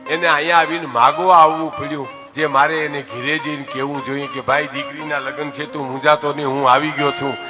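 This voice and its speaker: An older man from telling a folk tale, addressing his listeners directly and swinging between soft asides and loud exclamations. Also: a little high, a little fast, few pauses, over music. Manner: lively storyteller, often addresses listeners as "saheb". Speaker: folk storyteller.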